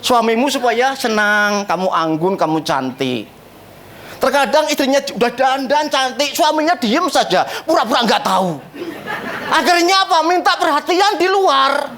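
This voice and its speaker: Lively joking male pastor. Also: extremely high pitch, moderate pace. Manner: animated, joking, laughs often at his own stories. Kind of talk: humorous storytelling sermon. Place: church.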